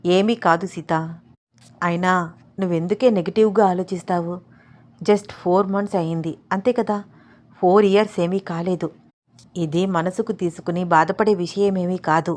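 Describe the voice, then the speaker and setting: A woman's voice: fairly even intonation, normal speed, pauses often, darkish tone, natural voice. Woman voicing a teasing young husband. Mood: reassuring. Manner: low, murmuring, teasing.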